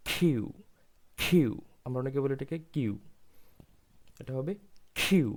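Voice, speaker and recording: A man's voice: medium pitch, darkish tone. A man teaching English pronunciation, repeating each sound several times with emphasis. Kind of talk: slow step-by-step pronunciation lesson.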